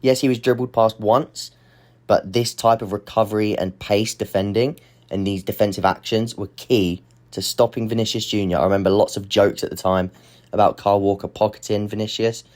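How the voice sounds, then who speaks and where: A man's voice: on the low side, fairly even intonation, moderate pace, a little mellow. A man hosting a football analysis channel, explaining tactics step by step in a voice-over, slightly breathless.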